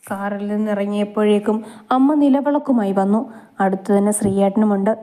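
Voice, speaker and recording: Woman reading a love story out loud, soft and steady, warm mellow voice. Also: mid-range voice, fairly quick. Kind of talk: reading a romantic story aloud.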